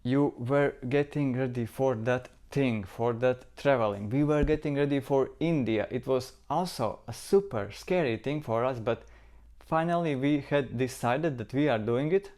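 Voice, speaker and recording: A man's voice: medium pitch, moderate pace, a little mellow. A man from Latvia with a Latvian accent, talking to camera as a travel vlogger in an earnest, reflective way and repeating words for emphasis. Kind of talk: casual talk to camera.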